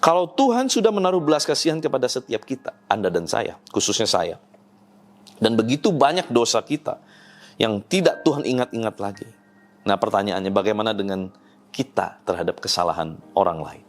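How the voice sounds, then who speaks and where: A man's voice: lowish voice, brisk, faint music behind. A man preaching a daily devotional sermon, speaking earnestly and personally to his listeners. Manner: animated delivery with swelling emphasis. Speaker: pastor.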